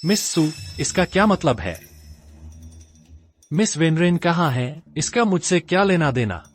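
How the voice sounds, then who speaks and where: Young male lead, dubbed drama, raised voice, very lively lilt, earnest, awkward. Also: on the high side, a little slow, faint music behind. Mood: puzzled.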